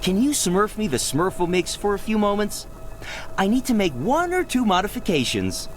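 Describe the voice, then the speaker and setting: A man's voice: sits high, very animated, normal speed. A man voicing an earnest, conscientious inventor Smurf who tends to worry, in a cartoon video game. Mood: helpful. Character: earnest inventor Smurf, handyman, worried and apologetic.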